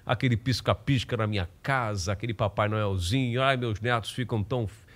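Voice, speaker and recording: A man's voice: lowish voice, fairly quick, pitched below the performer's own voice, natural voice. A man voicing a doting grandparent gushing over Christmas. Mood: fond. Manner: sentimental, gushing.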